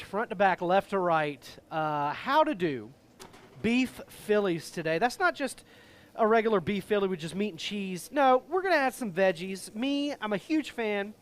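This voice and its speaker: A middle-aged man, hosting a casual cooking show in a jolly, loud, joking grill-dad manner. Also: high voice, clean tone.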